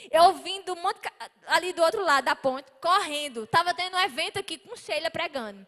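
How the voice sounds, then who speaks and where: A Brazilian woman preaching a sermon in a church, telling a testimony with passion that rises toward near shouting. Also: very high voice, lively intonation, fairly quick, big-room sound. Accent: Brazilian Portuguese. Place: church hall.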